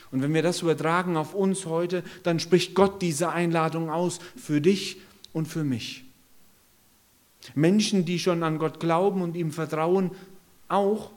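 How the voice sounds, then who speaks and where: Slow, impassioned German-speaking preacher man. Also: on the high side. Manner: impassioned, rising to loud pleading calls. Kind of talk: sermon. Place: church service.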